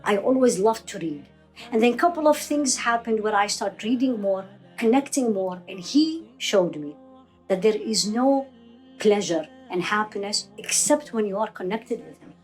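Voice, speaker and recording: A woman's voice: medium pitch, animated, moderate pace, faint music behind. A middle-aged woman from Iraq giving religious advice in an interview, earnest and fond of rhetorical questions. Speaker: guest speaker, Islamic teacher.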